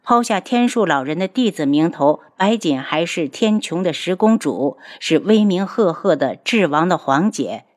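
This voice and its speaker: A woman's voice: fairly low pitch, lively intonation, normal speed, few pauses. A woman narrating a novel audiobook expressively, acting out the characters.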